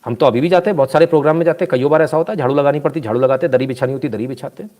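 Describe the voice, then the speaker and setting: A man giving casual live commentary, reading out viewer comments and telling anecdotes in an animated, scolding manner. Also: on the high side, very fast.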